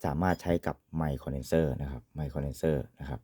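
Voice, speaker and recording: A man's voice: a bass voice, steady tone, fast talker, warm tone, breathy edge, no room sound, studio quality. A man giving an informal, polite product demonstration as an equipment reviewer, often ending phrases with courtesy particles.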